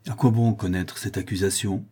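A man voicing a calm, soothing protector in a low, mellow voice. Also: normal speed, breathy edge. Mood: reassuring. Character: calm, reassuring noble protector.

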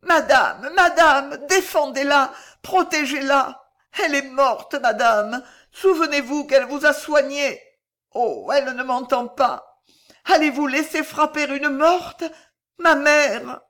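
A woman's voice: high-pitched, slow pace, a bit bright, pitched above the performer's own voice. A woman voicing a desperate young girl singer who pleads and sobs in a strained, tearful voice. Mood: pleading.

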